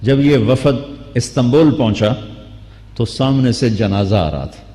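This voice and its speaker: Man, sermon, storytelling with acted-out dialogue, long hall reverb. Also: medium pitch. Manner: storytelling with acted dialogue, rising to animated outbursts. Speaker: Islamic preacher.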